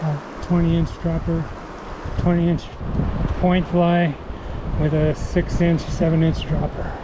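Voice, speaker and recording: A man with a slightly high voice talks through his fly fishing in an easy, explanatory way, now and then talking to himself. He is recorded on a head-mounted camera out on a river bank. Loud rushing water runs under every word. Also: lo-fi sound. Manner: calm, explanatory, talking to himself between casts. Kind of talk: casual narration while fishing. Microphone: head-mounted action camera. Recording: outdoor camera audio with loud river noise. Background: rushing stream water.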